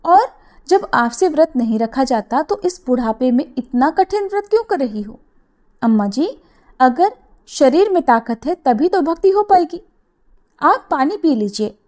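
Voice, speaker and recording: Worried relatives fuss and coax in a high, earnest voice, as a woman narrator voices them. They are figures in a devotional storybook. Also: very animated, a little slow, darkish tone. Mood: concerned. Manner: concerned, coaxing. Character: worried family members scolding gently.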